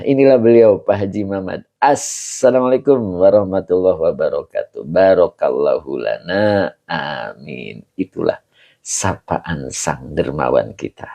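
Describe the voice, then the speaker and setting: A man's voice: deep voice, gravelly, warm tone, dull audio. A man with an Indonesian accent, a religious teacher casually greeting viewers of his live stream and reading their comments aloud with frequent chuckles.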